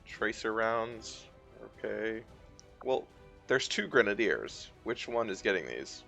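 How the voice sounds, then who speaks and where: Guy streaming a game, thinking out loud, gravelly but bright, casual muttering, faint music behind. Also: lowish voice, very animated, slow. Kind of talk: casual gameplay commentary.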